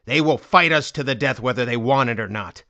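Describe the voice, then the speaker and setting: A man playing a defiant warrior commander in a fantasy audiobook, with a hoarse, cracking but strong voice and an impassioned, oratorical delivery. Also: medium pitch, brisk, bright, forceful tone, lo-fi sound. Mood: rousing, resolute. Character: defiant, fervent male warrior commander rallying his army. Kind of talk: dramatic fantasy audiobook acting.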